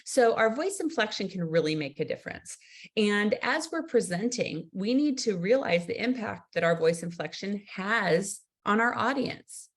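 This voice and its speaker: An excitable woman instructor talks through a recorded training lesson at an average pitch. She leans on lively inflection and stretches her words when she's keen, and she speaks to viewers as friends. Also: normal speed. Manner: addresses viewers warmly as friends.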